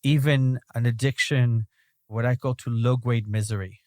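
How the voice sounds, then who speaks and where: Speaking at a moderate pace with fairly even intonation, this Belgian-accented man's voice sits at medium pitch. He's a rabbi from Belgium, guesting on a podcast and musing in a roundabout way, often checking in with "right?" during the reflective interview. The studio-quality recording is dry.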